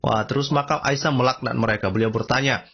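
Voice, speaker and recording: A man giving casual commentary and reading texts aloud, slangy and emphatic, often jumping high in pitch to stress a point. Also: steady tone, fast talker, a bit bright, slightly rough, soft background music. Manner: slangy, emphatic, repeats "coy", frequent sudden high-pitched exclamations. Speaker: religious commentator. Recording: dull lo-fi recording.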